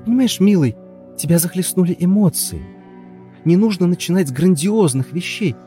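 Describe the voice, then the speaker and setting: A man's voice: high-pitched, animated, normal speed, dark tone, faint music behind, voice pushed up. A man reading a story and voicing an anxious young wife who coaxes and pleads with her husband. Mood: persuading. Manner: pleading, coaxing, then frantic. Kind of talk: audiobook character voice.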